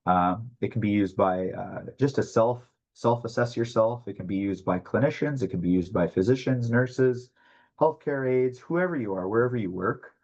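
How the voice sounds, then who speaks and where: A man presenting a mental health webinar in a conversational teaching style, talking fast and often checking in with "right?". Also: fairly low pitch, a little mellow, highs cut off.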